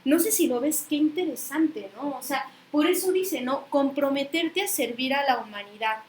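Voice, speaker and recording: A woman's voice: high voice, normal speed, a little mellow, roomy sound, a little hiss or hum. A woman with a Mexican accent, teaching a spiritual study group in a chatty storytelling way, acting out dialogue and often asking "¿no?". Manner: chatty storytelling, acts out dialogue, frequent tag questions. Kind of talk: casual spiritual teaching talk.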